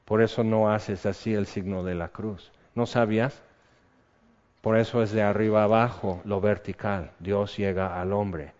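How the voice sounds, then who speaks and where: A man's voice: lowish voice, steady tone, measured pace, a little mellow. Male pastor preaching in a reverberant hall. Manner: conversational preaching, asks the congregation questions. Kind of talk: sermon. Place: church hall. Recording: muffled sound in a reverberant hall.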